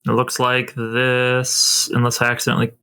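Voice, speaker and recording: A man's voice: mid-range voice, completely flat delivery, normal speed, bright, forceful tone, smooth. A man chatting casually as a player in a tabletop game.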